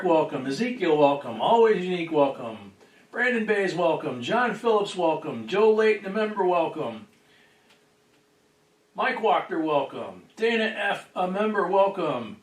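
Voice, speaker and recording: A man with a slightly high voice hosts a casual livestream chat. He sits back from the boom mic, so he sounds far off. The room adds a noticeable echo around his words. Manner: distant from the microphone. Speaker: livestream host. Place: indoors at a table. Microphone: boom microphone. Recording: roomy echo, distant microphone.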